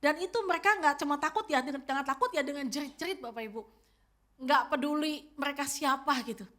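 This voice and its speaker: A woman's voice: high-pitched, fast talker, fairly bright tone. A woman in her fifties preaching a sermon as pastor, telling the story directly to her congregation. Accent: Indonesian. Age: 50s.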